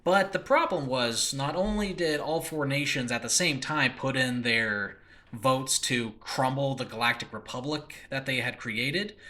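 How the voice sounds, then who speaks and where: This podcast host and audio drama creator has a mid-range voice with a bright, forceful tone. Alone on a makeshift home recording, he talks informally about his own fictional world, rambling and frequently breaking off into asides.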